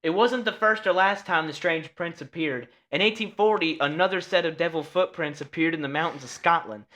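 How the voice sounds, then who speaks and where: A man's voice: fairly high pitch, a little fast, bright, forceful tone. A man co-hosting a casual podcast, reading research notes aloud and stumbling over names with a laugh. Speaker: podcast co-host.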